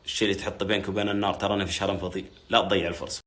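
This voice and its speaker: A man's voice: low-pitched, little pitch movement, very fast, a bit bright. A man talking casually with his family and followers and reciting poetry.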